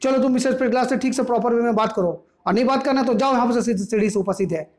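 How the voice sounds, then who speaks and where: A male teacher voicing a stern, domineering mother who scolds her family in a sharp, raised voice. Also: a little high, a little fast, lightly acted. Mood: scolding.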